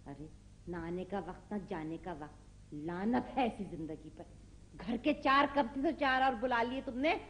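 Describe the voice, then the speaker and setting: An actress playing a sarcastic, sharp-tongued middle-aged mother who scolds her family. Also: mid-range voice, expressive, a little slow, natural voice. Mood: scolding. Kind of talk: TV drama acting.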